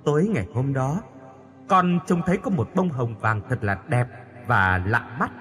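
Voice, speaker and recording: Man reads gentle ghost daughter, soft and pleading, lively lilt. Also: medium pitch, normal speed, faint music behind, close to an everyday voice. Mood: tender. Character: young dead daughter, tender spirit.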